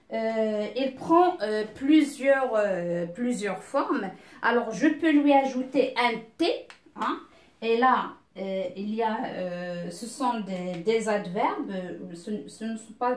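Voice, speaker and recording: Slow, patient woman teacher in an echoey room. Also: on the high side, darkish tone. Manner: slow and patient, spells out letters and sounds, many hesitations. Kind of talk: French phonics lesson for beginners.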